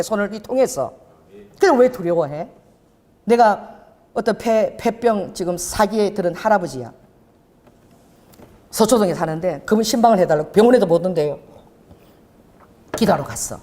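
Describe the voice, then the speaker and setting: A middle-aged woman pastor preaching a lively Pentecostal sermon, telling a healing story and firing off rhetorical questions. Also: a little high. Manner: animated preaching, rhetorical questions, acts out scenes. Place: church sanctuary. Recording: church hall reverb.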